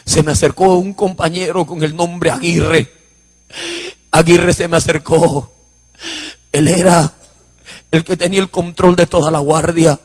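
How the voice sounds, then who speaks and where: A man preaches his own testimony with a husky, somewhat high voice. He tells the story with emotion, in a passionate preaching cadence. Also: little pitch movement, measured pace, pauses often, darkish tone, big-room sound. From Huánuco, Peru. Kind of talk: sermon testimony.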